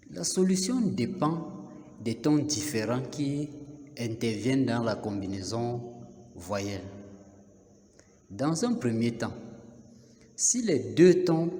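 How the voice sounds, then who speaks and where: A man narrates a lesson at a slow, deliberate pace, laying out each step methodically with pauses between phrases. His voice is dark and mellow, and a long reverb trails behind it. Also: mid-range voice. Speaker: teacher.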